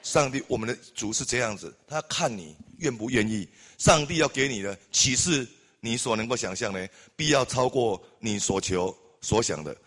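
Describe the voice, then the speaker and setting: Man, preacher, sermon, impassioned, loud exclamations. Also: medium pitch, lively intonation, normal speed. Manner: impassioned, building to loud exclamations with repeated amens.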